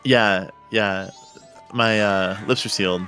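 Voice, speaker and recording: Low-voiced man in casual game commentary. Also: steady tone, takes it slowly, pushed and bright, soft background music. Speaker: race co-commentator.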